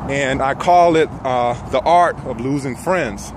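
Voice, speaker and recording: A middle-aged self-help vlogger with a medium-pitched voice gives an earnest motivational talk in measured phrases, pausing often. He walks along an outdoor path among trees, holding his phone at arm's length, and the noisy recording carries traffic ambience.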